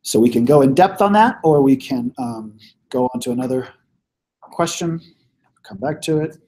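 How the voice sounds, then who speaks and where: A male teacher who is losing his voice, leading a casual classroom review with lots of fillers and throat clearing. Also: mid-range voice, lively intonation, moderate pace, warm tone.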